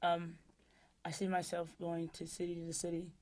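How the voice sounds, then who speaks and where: A woman's voice: lowish voice, completely flat delivery, moderate pace, darkish tone. A woman activist telling a story in a studio interview, plain-spoken, with "um" and "like" fillers. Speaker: activist guest.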